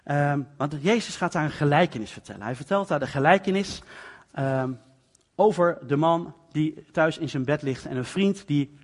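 A male preacher explains scripture in a loose, conversational sermon, stepping into the story's scenes as he goes. His voice sits high for a man. The sound carries the long reverb of a large hall. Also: lively intonation, normal speed.

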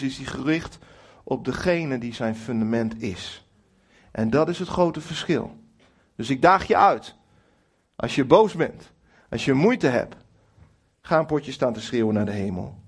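Husky-voiced man preaching a lively sermon. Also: fairly high pitch. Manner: lively, emphatic preaching with acted quotes to God; addresses listeners directly, with humour about his marriage. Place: church hall before a congregation.

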